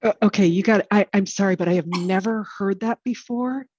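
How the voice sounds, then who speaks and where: A woman hosting an interview, enthusiastic and halting, often restarting her sentences. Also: medium pitch, a little mellow, breathy edge, dry recording, lo-fi sound. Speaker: interview host. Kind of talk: conversational interview.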